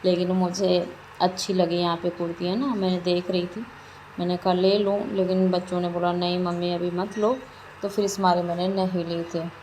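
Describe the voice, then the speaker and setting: A middle-aged woman talks her way through a casual vlog in an even, level tone that barely rises or falls. She rambles and circles back over her own words, with faint noise behind her. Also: lowish voice, moderate pace, rough recording. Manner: rambling, repeats herself while narrating a shopping trip. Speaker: vlogger.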